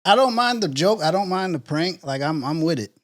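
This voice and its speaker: Man, laid-back co-host, lively higher voice, dry mic, trails into low mumbles. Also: a little fast, no room sound. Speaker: podcast co-host. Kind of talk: casual chat.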